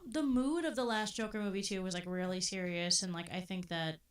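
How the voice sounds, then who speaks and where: A woman in a casual podcast chat, thoughtful and measured. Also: mid-range voice, echoey room. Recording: distant from the mic.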